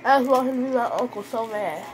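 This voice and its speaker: A woman's voice: fairly high pitch, fast, faint music behind, poor audio. A woman co-hosting an eating video, chatting in a rambling way with her mouth full of food. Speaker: mukbang co-host. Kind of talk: casual chat to viewers.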